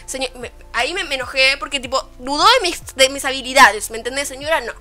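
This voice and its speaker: A young woman with a Rioplatense accent, telling a story in a casual vlog, animated and swearing freely, quoting people as she goes. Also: high-pitched, quick pace, soft background music. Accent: Rioplatense Spanish. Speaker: vlogger. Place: at home, her bedroom.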